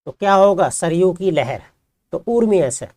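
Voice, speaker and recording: A man's voice: sits high, lively intonation, a little slow, a little mellow, no echo. A man teaching a grammar lesson who explains patiently and keeps asking his students questions, then answering them himself. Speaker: Hindi teacher.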